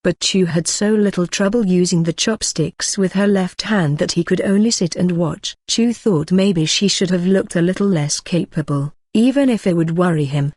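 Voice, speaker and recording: Steady dry audiobook narration. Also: mid-range voice, moderate pace, few pauses, no room sound. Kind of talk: scripted narration.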